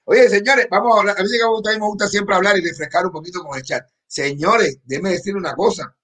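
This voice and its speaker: A man from Cuba co-hosting a casual livestream, talking to the viewers in a lively way. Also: high voice, quick pace. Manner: lively, addresses viewers as "señores". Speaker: co-host. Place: in Miami.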